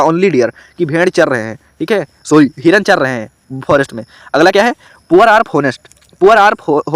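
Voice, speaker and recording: Indian man teaching grammar, fairly high, dry. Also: fairly bright tone, dry recording. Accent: Hindi. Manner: explains step by step, asks students questions. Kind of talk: online grammar lesson.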